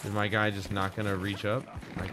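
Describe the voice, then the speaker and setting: Low-voiced man streaming casual game commentary. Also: monotone, brisk. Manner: profane, informal, muttering to himself. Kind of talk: casual live gameplay commentary. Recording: loud game gunfire and vehicle noise. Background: video game battle sounds.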